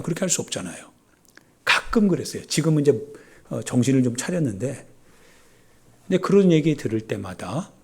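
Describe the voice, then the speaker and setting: Middle-aged male pastor, husky voice, lively swooping pitch, storytelling sermon. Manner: animated storytelling, acting out complaints.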